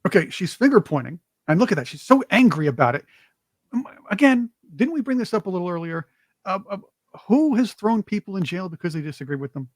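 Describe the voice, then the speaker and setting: A man hosts a political reaction show, cutting in and restarting his sentences. His voice sits a little high for a man. The sound is dry and close, with almost no room around it. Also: sing-song, no room sound. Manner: interrupting, laughing, halting fillers. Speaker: show host. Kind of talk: reaction commentary.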